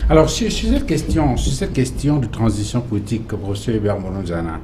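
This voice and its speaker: A man moderating a panel debate in a TV studio, building long questions full of hesitations. His voice is mellow and mid-pitched, with faint background noise. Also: expressive, a little fast. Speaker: TV debate host.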